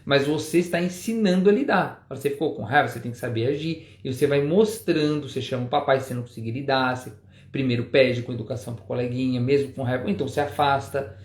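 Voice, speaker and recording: In a relaxed couple's conversation on a parenting show, this dad co-host explains points casually, peppering them with "né?" tags. He talks fast in a slightly mellow mid-range voice, and the sound is roomy.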